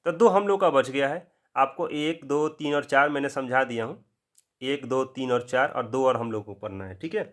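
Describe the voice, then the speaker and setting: A man with a Bihari accent giving an English grammar lesson in casual classroom style. He asks the viewer a question, answers it himself, and slows down to spell things out. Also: mid-range voice. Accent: Bihari Hindi. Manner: drawn-out, spelled-out explanations. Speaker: English teacher.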